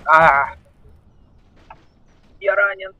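High-pitched man improvising a game skit. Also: extremely slow, pushed and bright. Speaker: amateur video creator acting out a game skit.

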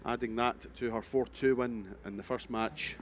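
A man's voice: mid-range voice, fairly even intonation, normal speed. A man giving live darts commentary alongside a co-commentator. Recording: faint venue noise behind.

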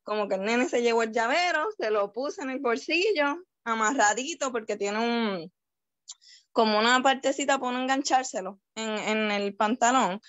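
A woman, chatting on a video call in an animated, storytelling way. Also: a little high, no room sound. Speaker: guest parent. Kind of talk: casual video call chat.

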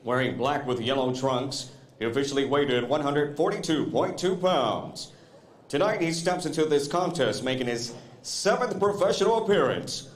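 A man's voice: a little high, animated. A man working as a boxing ring announcer, stretching out the fighters' names. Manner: drawn-out shouted fighter names. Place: convention center arena. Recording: echoey arena sound.

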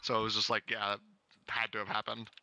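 A man's voice: fairly low pitch, completely flat delivery, fast, heavy background noise. A man in casual voice chat with other players, defending himself and laughing between words. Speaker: player in an online social deduction game.

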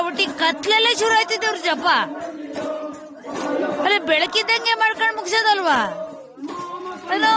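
A vlogger with a very high voice and a rural southern Karnataka Kannada accent talks casually on the spot, arguing with people and commenting. She scolds them, firing off repetitive rhetorical questions. It's recorded live on location with a crowd audible behind her.

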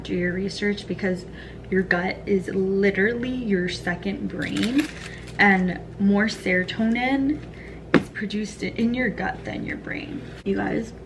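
A woman in her twenties chatting casually to camera in a vlog, sometimes dropping to a whisper. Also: mid-range voice. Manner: chatty, with whispered morning asides. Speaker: vlogger. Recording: noisy phone-camera vlog audio.

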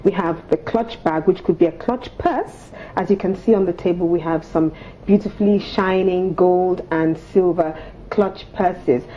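On the sofa set of a TV morning show, a Nigerian-accented woman in her thirties, appearing as an etiquette coach and studio guest, explains things with prim, precise, instructive enunciation. Her voice is lowish and unhurried, and the audio has its highs cut off plus slight background noise.

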